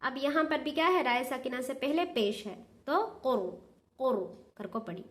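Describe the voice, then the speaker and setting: A woman with a high voice and a Dakhni Urdu accent teaches the rules of Quran recitation. She explains patiently, asking questions and then answering them herself. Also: animated, moderate pace. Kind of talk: tajweed lesson.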